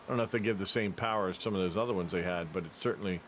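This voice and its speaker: A man calling a race in casual play-by-play. He is chatty and jokey, with quick bursts of excitement. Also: deep voice, slight background noise. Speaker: race commentator.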